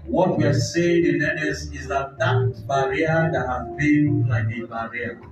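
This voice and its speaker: A man with a Nigerian accent giving an animated testimony at a church service, mixing in pidgin and handheld mic. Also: on the high side, unhurried. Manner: animated, mixes pidgin, shouts call-and-response. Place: large church hall. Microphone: handheld microphone. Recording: echoey hall, far mic, dull sound with music.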